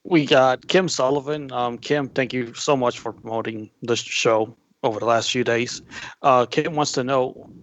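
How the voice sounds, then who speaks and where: A man hosting a show, reading fan questions out in a casual, halting way. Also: mid-range voice, fairly even intonation, no room sound. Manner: casual and halting, with many fillers. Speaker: podcast host.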